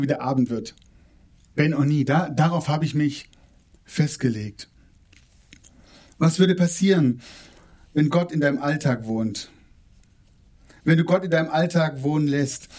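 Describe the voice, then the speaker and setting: A man preaching a sermon in an informal, colloquial way, often restarting and repeating words, and slowing down to stress key phrases. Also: darkish tone. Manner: slows down and lowers his voice for emphasis.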